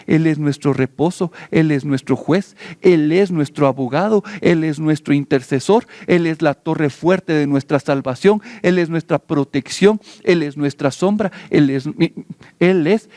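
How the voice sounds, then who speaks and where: A male pastor with a high voice preaches and prays slowly and fervently. He repeats phrases in a steady cadence. The recording is dry, with no room echo. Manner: slow, pleading prayer. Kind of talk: sermon turning into prayer.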